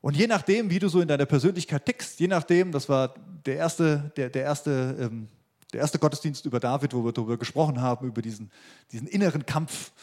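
A man's voice: on the high side, a little mellow. A man preaching a sermon as pastor, emphatic and repeating his key phrases.

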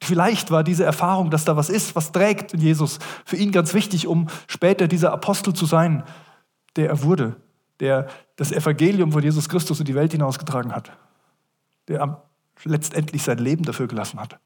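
A man's voice: a little high, a little fast, darkish tone, husky. A man preaching a sermon as a pastor, speaking earnestly and addressing listeners directly.

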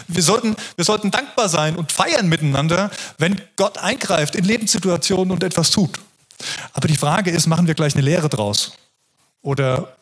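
Earnest husky-voiced male preacher. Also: a little high. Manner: earnest, reflective, with frequent restarts. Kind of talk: sermon.

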